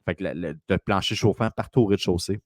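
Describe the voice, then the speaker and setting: A man's voice: low voice, fast talker, no room sound, clean studio sound. A man with a Quebec French accent, a real estate broker telling a long rambling story in casual conversation.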